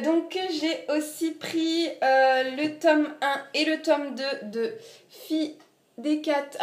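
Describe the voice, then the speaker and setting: Chatty high-voiced Alsatian woman. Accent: Alsatian French. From Alsace, France. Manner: chatty, many fillers, self-mocking. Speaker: book vlogger. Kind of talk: casual book haul vlog. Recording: echoey room.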